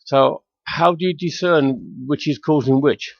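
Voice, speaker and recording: A man chatting on a radio show over a garbled, muffled line that makes him sound underwater, speaking in a halting, hesitant way. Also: fairly high pitch, creaky, dry recording. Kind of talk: casual radio chat. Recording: muffled phone line, dry.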